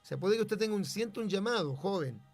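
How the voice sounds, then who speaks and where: Gravelly-voiced pastor telling a story. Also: male voice, high voice, lively intonation, fast, faint music behind. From Chile. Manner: storytelling, emphatic, preacherly. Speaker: pastor and radio host. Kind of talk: sermon-like testimony on radio.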